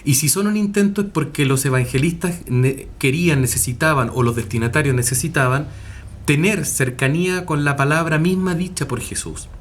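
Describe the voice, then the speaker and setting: A man's voice: a little high, normal speed. A man giving a recorded university class, talking with many fillers, self-corrections and rhetorical tag questions. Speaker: university lecturer. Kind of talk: recorded online class lecture.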